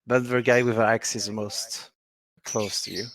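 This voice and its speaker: A man with a hoarse voice, coughing as he narrates a tabletop game as game master. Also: mid-range voice, level tone, a bit bright, dry recording. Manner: coughing, halting. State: hoarse, losing his voice.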